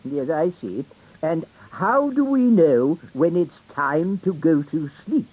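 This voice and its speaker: A man's voice: on the high side, expressive, slow pace, a little mellow, slightly rough, exaggerated voice, rough recording. A man voicing a pompous, stuffy old elf teacher in a children's cartoon, pedantic, with a British accent. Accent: British English. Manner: pompous, pedantic, hesitant hums.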